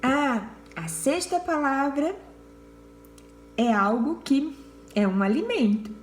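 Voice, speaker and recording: A woman's voice: high-pitched, animated, slow, reverberant, soft background music. A Brazilian woman teacher giving word clues to children in a recorded lesson, patient and repeating herself. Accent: Brazilian Portuguese.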